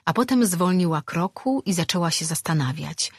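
A woman narrating an audiobook in an even, measured storytelling manner. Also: on the low side, slightly rough, no room sound, clean studio sound. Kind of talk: scripted narration.

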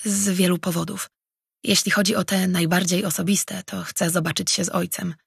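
A narrator voicing an earnest male mage who travels between worlds, read as an audiobook character in a measured way. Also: medium pitch, flat delivery, vocal fry, husky, no room sound, studio quality, exaggerated voice.

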